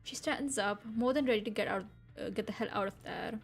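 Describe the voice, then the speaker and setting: A woman's voice: on the high side, a little fast, slightly rough, faint music behind. A woman streamer reading a story game aloud and commenting between lines, casual and joking, swearing freely. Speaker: VTuber streamer.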